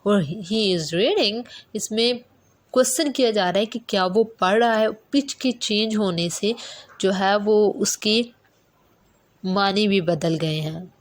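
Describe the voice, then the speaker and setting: A woman giving a video lecture as a teacher, explaining step by step and mixing English terms into her Hindi-Urdu. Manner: draws out example sentences slowly to show pitch.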